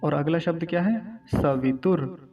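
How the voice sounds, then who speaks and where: The recording is muffled as a Vedic recitation teacher with a slightly high voice and moderate pace gives a pronunciation lesson. He draws out each Sanskrit syllable and asks the class questions as he proceeds.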